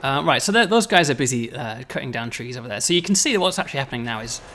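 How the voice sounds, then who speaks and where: A man's voice: mid-range voice, animated, racing, pushed and bright. A man developing a game, casually walking through new features and often tagging "right?" onto his points. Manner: chatty, explaining, tags questions with "right?". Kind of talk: casual gameplay walkthrough.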